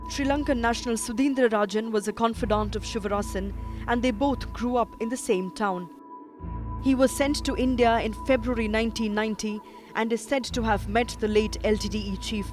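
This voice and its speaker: A man reading a scripted news documentary narration in a measured, even way. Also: high voice. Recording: voice-over with music behind.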